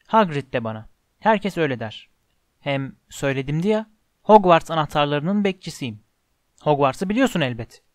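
A man reading an audiobook voices a huge, hot-tempered but kind giant gamekeeper who booms and roars indignantly. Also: expressive, normal speed, no echo, studio quality, natural voice. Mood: gruff, friendly. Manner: booming and indignant. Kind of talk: audiobook character voice.

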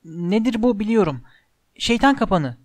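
A man's voice: high-pitched, very animated, moderate pace, dry recording, pitched above the performer's own voice. A man voicing a bossy know-it-all schoolgirl, talking in an urgent, commanding way, in a dry recording.

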